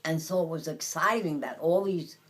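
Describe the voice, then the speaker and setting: An elderly woman in her nineties from Brooklyn, reminiscing in a casual interview, haltingly, searching for words and repeating phrases. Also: sits low. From Brooklyn, New York. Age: 90s. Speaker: interviewee recalling the past.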